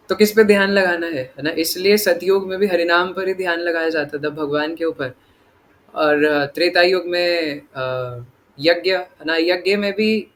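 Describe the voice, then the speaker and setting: Guy teaching a devotional class, kinda high voice, talks casual and keeps asking "right?", faint hiss behind. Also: fairly bright tone. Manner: acts out inner voices in dialogue. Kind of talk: conversational scripture class.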